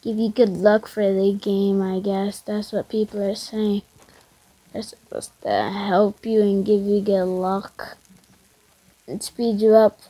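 A woman's voice: medium pitch, takes it slowly, breathy edge, no room sound. A woman giving casual, rambling commentary over her gameplay, her voice stuffy and congested from a cold. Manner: chatty, excitable, rambling slang. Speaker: gaming video creator.

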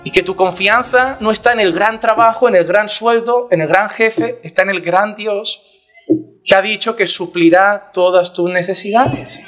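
High, bright-voiced man preaching. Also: moderate pace, soft background music. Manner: animated, acts out quoted voices, rhetorical questions. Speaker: pastor. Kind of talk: sermon.

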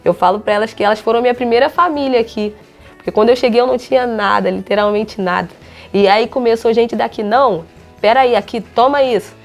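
A woman's voice: fairly high pitch, brisk, soft background music. A young Brazilian woman footballer in a casual interview, telling stories and acting out the dialogue she quotes. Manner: chatty storytelling, acts out quoted dialogue.

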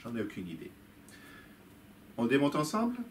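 A man's voice: medium pitch, huge pitch swings, moderate pace. A man with a casual, curious way of talking, thinking aloud as he takes a toy instrument apart for his video channel. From France. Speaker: YouTube musician demonstrating an instrument. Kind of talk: casual talk-to-camera while taking apart a toy. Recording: loud background noise and clicks.

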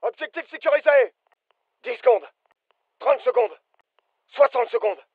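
In the French dub of a military shooter, a male voice actor plays an alert, businesslike adult British fireteam soldier giving clipped, urgent callouts. His voice is very high-pitched and a little slow, with phone-quality sound and no echo.

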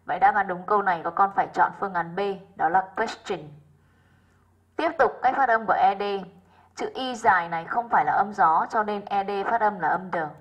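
A woman's voice: mid-range voice, fairly quick, husky, lo-fi sound. A woman English teacher going over exercise answers with her pupils, often checking in with rhetorical questions.

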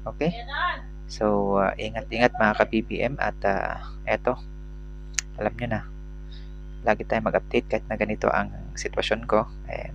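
A man's voice: medium pitch, gravelly, a little hiss or hum, rough recording. A young man from the Philippines vlogging casually about politics from a small room, talking with a sore mouth after a tooth extraction and full of fillers. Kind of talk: casual political vlog commentary. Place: small room at home, plain wall. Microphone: lapel mic on a stand at the chin.

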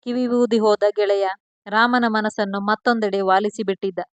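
A woman storyteller giving a measured, expressive scripted narration of a serial love story. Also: mid-range voice, no echo.

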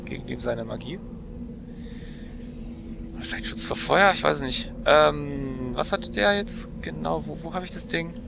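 A man's voice: on the high side, moderate pace, long pauses. A young man giving casual gameplay commentary as a let's player, musing and thinking aloud as he goes. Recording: clear background noise from game.

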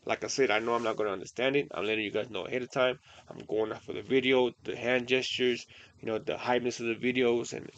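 A man's voice: mid-range voice, steady tone, fast talker, fairly bright tone, highs cut off. A man with a Chicano English accent, hosting a reaction video in casual, slangy commentary. He often repeats himself and trails off into asides. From United States.

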